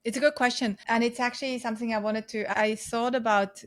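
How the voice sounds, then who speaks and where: A woman in her forties with a Swiss accent, a podcast guest chatting lively about her life with frequent laughs. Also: a little high, fairly quick. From Switzerland. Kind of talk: casual interview storytelling.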